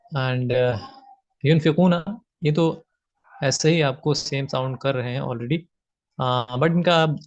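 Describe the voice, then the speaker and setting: A man teaching grammar from slides, patiently repeating his points with frequent fillers. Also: medium pitch. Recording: slightly dull lo-fi audio.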